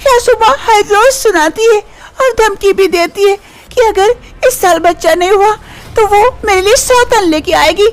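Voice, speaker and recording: A woman's voice: very high voice, unhurried. A woman voicing an anxious young wife in a cartoon story, who pleads and worries. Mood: worried. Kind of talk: storybook voice acting.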